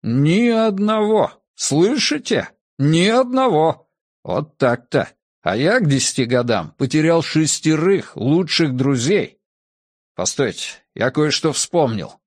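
A man's voice: medium pitch, lively intonation, unhurried, no room sound, clean studio sound. A man voicing an elderly, nostalgic family father who lectures his children emphatically. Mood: insistent.

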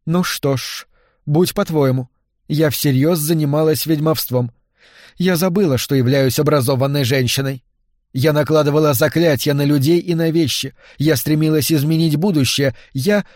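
A man's voice: fairly high pitch, normal speed, darkish tone, no echo, studio quality, natural voice. A man voicing a proud, bitter young wife who hides her witchcraft, spitting her words out sharply. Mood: resigned.

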